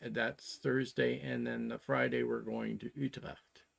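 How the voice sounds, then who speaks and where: A Canadian-accented man in his sixties co-hosts a show, chatting casually while laying out plans in a halting, methodical way. His medium-pitched voice stays level and has a creaky quality.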